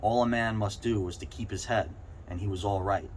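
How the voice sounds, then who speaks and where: A man's voice: fairly low pitch, fairly even intonation, a little fast. A man reading a short story aloud, stumbling slightly over words now and then. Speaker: reader. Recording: clearly noisy background ambience.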